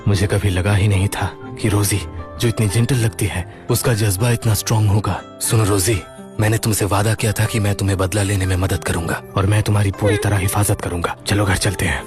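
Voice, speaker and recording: A man's voice: on the low side, steady tone, normal speed, close to an everyday voice. An actor playing a principled young scholar who protects his wife, speaking firmly and reassuringly, in a Hindi drama dub. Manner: firm, reassuring. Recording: soft music behind the voice.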